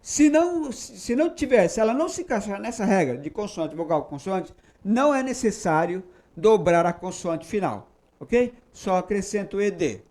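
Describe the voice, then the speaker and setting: Brazilian male teacher with a high voice. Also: animated, darkish tone. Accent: Brazilian Portuguese. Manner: patient, repeats English examples slowly with checking tags like "tá?" and "ok?". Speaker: English teacher. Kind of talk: explanatory grammar lesson.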